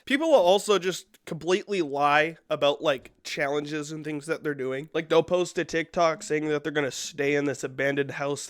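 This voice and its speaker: A man's voice: fairly high pitch, dry recording, studio quality. A young man hosting a casual commentary video, ranting sarcastically and with plenty of swearing. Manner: profane, sarcastic, rambling. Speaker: YouTube commentary host.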